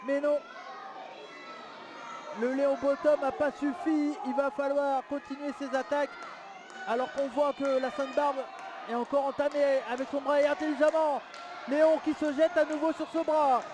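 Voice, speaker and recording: Casting: male wrestling commentator, extremely high register, exclamatory live calls with stretched words, clear crowd noise behind. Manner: excitable, exclamatory, drawn-out calls of big moves.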